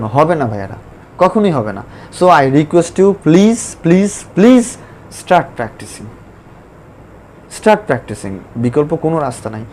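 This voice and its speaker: A man teaches spoken English in an online lesson. He talks emphatically and repeats points, then slows right down to spell out English examples. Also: on the high side, darkish tone, slight background noise.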